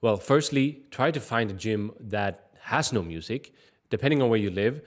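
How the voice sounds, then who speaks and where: A man's voice: mid-range voice, a little fast. A man from Sweden, giving direct, conversational advice in a casual fitness vlog. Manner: direct, conversational, frequent "like" and "I mean" fillers. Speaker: fitness vlogger.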